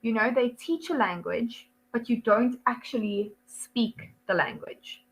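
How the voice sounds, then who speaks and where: A young South African woman with a South African accent works as an online English tutor, chatting casually with a student over a one-to-one video call. Her voice is a little high and her pace measured, on a low-quality recording. She laughs often and fills her speech with ums and likes.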